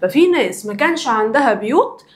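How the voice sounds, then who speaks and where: A woman's voice: on the high side, expressive, fast talker. A young woman teacher from Alexandria with an Egyptian Arabic accent, giving a children's social studies lesson and drilling the answers by asking the same question again and again. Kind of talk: recorded classroom lesson for children.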